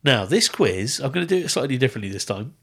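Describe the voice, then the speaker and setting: A man's voice: mid-range voice, big pitch swings, fast talker, vocal fry, a bit bright, husky. A young man hosting a gaming podcast and running its quiz, bantering and chuckling with his co-hosts. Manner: bantering, chuckles between lines. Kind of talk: casual chat.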